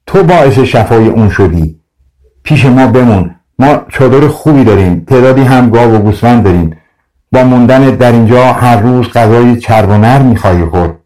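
A man's voice: mid-range voice, dark tone, recorded from a distance, natural voice, low-quality recording. A man voicing an old woman in a storybook, coaxing and insistent. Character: old woman, pleading and hopeful.

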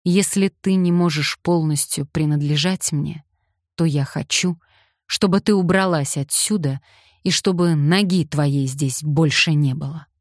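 A woman voicing a bitter, mocking young male aristocrat who speaks in hoarse, sarcastic outbursts. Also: deep voice, measured pace, no room sound, clean studio sound.

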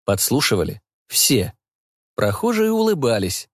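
A man narrating an audiobook in an expressive, wry way. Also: medium pitch, unhurried, slightly rough, no echo, studio quality.

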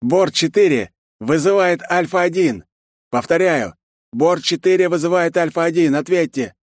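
A man voicing a raspy-voiced male navy captain who speaks in formal radio protocol. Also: fairly high pitch, normal speed, dry recording, studio quality, voice pushed up, natural voice.

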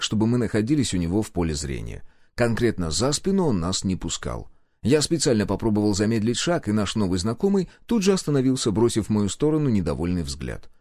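A man's voice: lowish voice, darkish tone, no echo. A man reading a first-person audiobook in a wry, conversational way. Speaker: audiobook narrator. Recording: dry close-miked voice.

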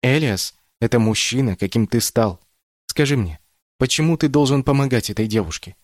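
A man's voice: mid-range voice, animated, normal speed, dry recording, studio quality, close to an everyday voice. A man doing Mama Rila, a loving stern storyteller. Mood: earnest. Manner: tender, pleading, then proudly stern.

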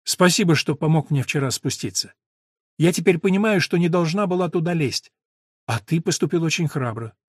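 A fragile yet stubborn young woman in an audiobook, her voice lifted well above the reader's own and loud with feeling, as a male narrator puts her on. She pleads and insists in a sing-song, defiant manner, recorded close and dry. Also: sits low, expressive, normal speed, breathy edge, no room sound, voice pushed up. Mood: grateful. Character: nervous, stubborn young woman clinging to a house.

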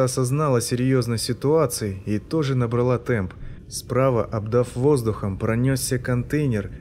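Male narrator for sci-fi audiobook; steady, even read, medium pitch. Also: a little hiss or hum. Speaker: audiobook reader. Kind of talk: scripted narration.

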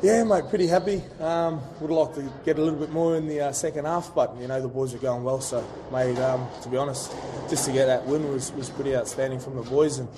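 A man's voice: mid-range voice, fairly even intonation, brisk, few pauses, background noise. A man being interviewed after a game, answering hesitantly with many fillers. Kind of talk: post-match interview.

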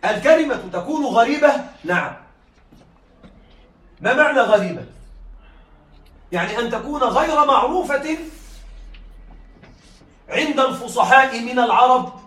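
A man's voice: very high-pitched, lively intonation, a little slow, long pauses, fairly bright tone. A male teacher giving a classroom lecture, explaining step by step and often checking that his students follow. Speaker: teacher of Arabic rhetoric. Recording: echoey room, voice from far off.

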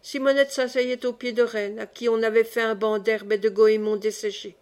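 A woman reading a classic novel aloud in measured, expressive narration. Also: on the high side. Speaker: audiobook reader. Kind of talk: scripted narration.

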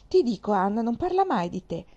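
A woman reading the part of a petulant, sarcastic young wife in a mellow voice, rising to a shrill insistence. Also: sing-song, brisk, lo-fi sound.

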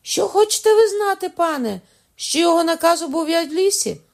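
A woman narrator voices a stubborn young nobleman on the torture rack. He jeers at his questioners in a raised, pushed-up voice, then cries out high and loud with every blow. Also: moderate pace. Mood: howling pain. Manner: mocking, then howling in pain. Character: defiant young male nobleman under torture.

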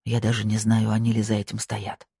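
A narrator voicing a retired older male judge who mutters low and wearily and dodges the questions, with a husky tone. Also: completely flat delivery, brisk, warm tone, dry recording, studio quality, heavily acted. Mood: weary.

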